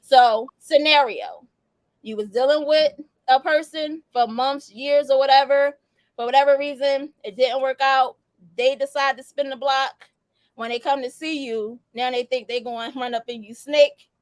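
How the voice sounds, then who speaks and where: A woman's voice: high voice, fairly even intonation, moderate pace, no echo. A woman hosting a casual talk show, slangy and loose, laughing often. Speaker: podcast host. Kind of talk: casual chat.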